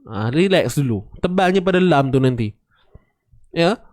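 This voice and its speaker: A man's voice: fairly high pitch, lively intonation, moderate pace, darkish tone, no echo, studio quality. A man teaching Quran recitation rules, patiently demonstrating and repeating sounds for his students. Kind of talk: tajwid lesson with recited examples.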